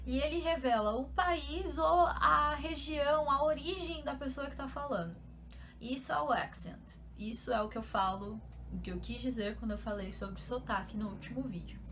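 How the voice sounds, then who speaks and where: A young woman from São Paulo with a São Paulo accent, explaining things in a chatty, animated vlog style full of fillers. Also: high-pitched, moderate pace. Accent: São Paulo Portuguese. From São Paulo, Brazil. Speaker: YouTuber.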